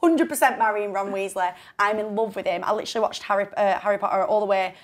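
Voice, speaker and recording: A young woman with a northern English accent hosting a podcast, chatting in animated, giggly, sweary banter with her friend. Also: mid-range voice, fast. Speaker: podcast host. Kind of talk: casual chat.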